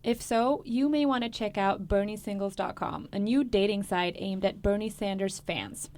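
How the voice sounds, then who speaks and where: Woman anchor, measured scripted news intros. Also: medium pitch, darkish tone.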